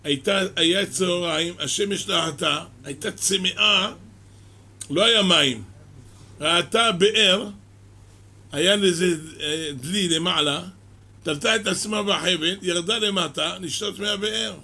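A man giving a weekly Torah portion lesson, telling a Talmudic tale in a slow, measured storyteller's way. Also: high-pitched, sharp tone. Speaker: Torah teacher.

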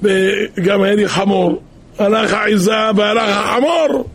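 Brief: gullible robbed villager, played by a man, wails in dismay, raised and gravelly. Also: high-pitched, pitched above the performer's own voice. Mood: wailing dismay. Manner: rising to excited, wailing cries.

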